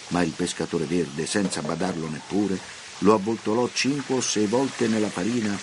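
A man narrating a story for radio with an expressive, theatrical reading. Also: on the low side, a little hiss or hum.

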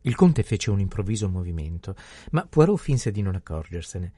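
A man narrating a novel in a steady, even literary reading. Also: low-pitched, normal speed, breathy edge, dry recording. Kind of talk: scripted audiobook narration.

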